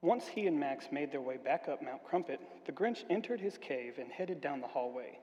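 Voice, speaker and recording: A man reading a storybook aloud in a church, with a steady, expressive delivery. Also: on the high side, normal speed, in a large hall, lo-fi sound. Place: church hall.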